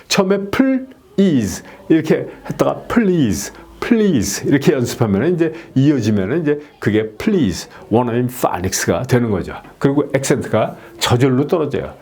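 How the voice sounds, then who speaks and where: A man's voice: mid-range voice, darkish tone. A Korean man lectures on his own pronunciation method. He keeps asking his listeners to confirm and repeats each practice word several times. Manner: slow, deliberate drilling of single words. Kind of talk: video lecture explaining slides.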